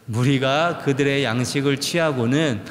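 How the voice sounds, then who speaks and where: A man's voice: medium pitch, normal speed. A male pastor preaching a sermon, asking the congregation rhetorical questions and acting out quoted prayers. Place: large church sanctuary. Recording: long church hall reverb.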